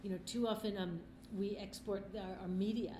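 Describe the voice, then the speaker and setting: In a room with audible echo and faint background noise, a middle-aged female filmmaker talks through interview questions. Her mid-range voice stays steady at a moderate pace, and she comes across as earnest, passionate and conversational.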